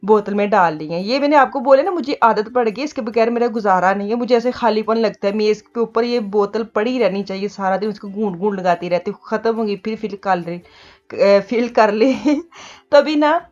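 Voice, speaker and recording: A woman's voice: medium pitch, normal speed, a little mellow, dull audio. Chatty Punjabi-accented woman vlogging at home. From Pakistan. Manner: chatty, laughs often, mixes Punjabi words into her talk. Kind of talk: casual chat. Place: home kitchen.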